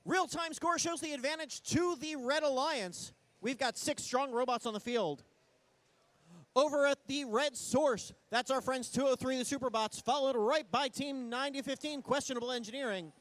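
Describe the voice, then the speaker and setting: High-pitched male sports commentator. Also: normal speed, fairly bright tone, no echo. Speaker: play-by-play announcer at a robotics competition.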